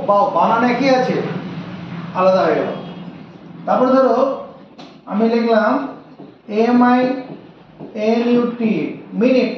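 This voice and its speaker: A man with a high voice teaches at a very slow pace, spelling each word out letter by letter and saying it again and again. He sits back from the mic in a strongly echoing room, and the recording sounds dull and lo-fi. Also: recorded from a distance, a little hiss or hum. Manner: spells words letter by letter and repeats them slowly. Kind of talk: slow spoken lesson.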